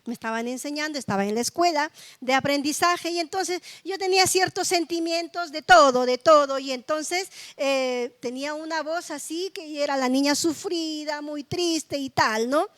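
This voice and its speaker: This sermon comes from a high-voiced, middle-aged woman pastor who speaks at normal speed with hardly any pauses. She talks conversationally and testimonially, regularly slipping tag questions to the congregation, and the audio is dry and close with little room echo.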